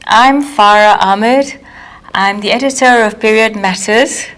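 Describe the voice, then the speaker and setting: A woman from Kenya, an author and editor speaking in a measured, careful way during a recorded interview with retakes. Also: medium pitch, a bit bright. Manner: measured, careful, restarts lines.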